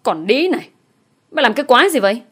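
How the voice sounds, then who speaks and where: A woman's voice: mid-range voice, normal speed, lightly acted. A woman voicing a crude, taunting male ex-lover in an audio story, in a mocking, lewd manner. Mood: snarling.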